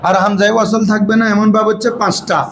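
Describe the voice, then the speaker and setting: A man with a high voice leads an Arabic grammar lesson in call-and-response style, firing questions for students to repeat back. He is recorded in an echoey classroom. Faint noise sits behind him. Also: level tone, racing, a bit bright. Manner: prompts students to repeat answers, calls them "babara". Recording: echoey room with background noise.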